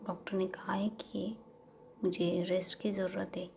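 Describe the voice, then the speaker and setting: A stubborn, impatient young working woman, as a woman narrator puts her on in a spoken audio story. She protests and insists with a mellow, dark tone. Faint noise sits behind her. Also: mid-range voice, level tone, unhurried, creaky. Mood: protesting.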